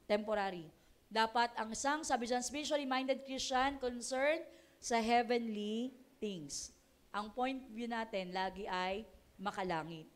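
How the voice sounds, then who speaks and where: A woman pastor with a Filipino accent, preaching in a chatty, conversational way and often asking her listeners to agree. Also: fairly high pitch. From Philippines. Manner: chatty, keeps asking the congregation "di ba?", laughs often; mixes English phrases into Tagalog. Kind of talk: conversational sermon.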